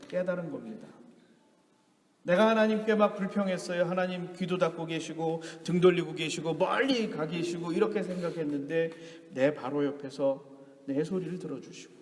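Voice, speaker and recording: A middle-aged man preaches in a high voice, rising to loud, pleading emphasis and then dropping to quiet asides. His words ring through a large church hall with a long, roomy reverb. He delivers it as a full sermon from the pulpit. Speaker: pastor.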